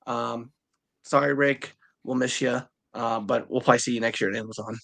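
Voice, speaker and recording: A man's voice: mid-range voice, fairly even intonation, moderate pace, creaky, fairly bright tone. A man co-hosting a casual podcast, rambling easily and restarting his sentences. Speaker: podcast co-host. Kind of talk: casual chat.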